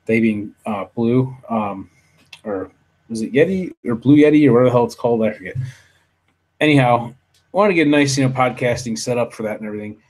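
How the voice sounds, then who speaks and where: Over a desktop USB studio mic in his home office, a man runs a casual live stream, his voice brisk, mid-range, and a bit mellow. He wanders from point to point, full of filler words, false starts, and light swearing.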